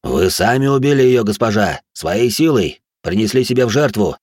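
Storybook demon servant, solemn and fawning, slow ceremonial delivery, raised a little above a low voice, dry close sound, as a man reads him. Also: lively intonation, a little mellow, dry recording. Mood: reverent.

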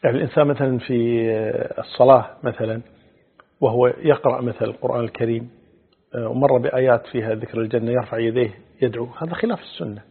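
A middle-aged male Islamic scholar answering religious questions in a measured, explanatory way, quoting hadith. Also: medium pitch, creaky, husky. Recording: phone-like narrow band.

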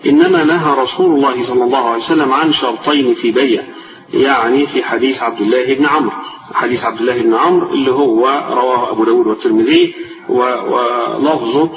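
An Egyptian sheikh with a mid-range, tired and strained voice teaches a religious class in Egyptian Arabic. He reads a text slowly, then explains it colloquially and repeats key phrases. The lecture recording is distant, echoey and dull-sounding, with music.

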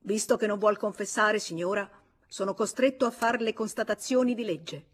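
A woman's voice: mid-range voice, moderate pace, close to an everyday voice. A woman reading aloud, voicing a stern, formal male police commissioner in an audiobook. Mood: stern questioning. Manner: formal, authoritative, insistent.

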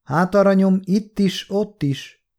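A man voicing a dying older woman with a smoky, raspy voice who talks bluntly and wearily. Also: mid-range voice, animated, warm tone, lightly acted. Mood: gruff, weary. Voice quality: raspy, smoke-roughened. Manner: blunt, weary, coarse talk.

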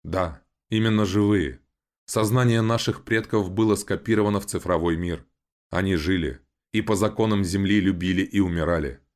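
A man reads a steady young man in an audiobook with a very deep, low voice. He sounds serious and reassuring, never rushed. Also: close to an everyday voice. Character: young man, calm and resolute brother. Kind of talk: audiobook voice acting.

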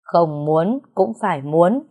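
A stern aging father, as a woman storyteller puts him on. He scolds and lectures in a firm, unhurried way, low and mellow in tone. It is a spoken audio story. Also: expressive, full character voice. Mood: scolding. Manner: firm, scolding, slow and measured.

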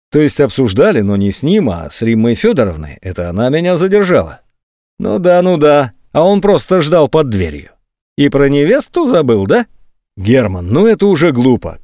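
A man's voice: mid-range voice, huge pitch swings, moderate pace, dry recording, clean studio sound, pitched above the performer's own voice. A man voicing a young woman violinist, anxious and pleading, in an audiobook. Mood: defensive. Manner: soft, pleading, defensive.

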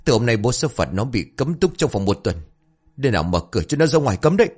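A man's voice: mid-range voice, sing-song, fast, a little mellow, slightly rough. A man voicing a stern, angry middle-aged father in a read-aloud family story, scolding harshly. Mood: furious.

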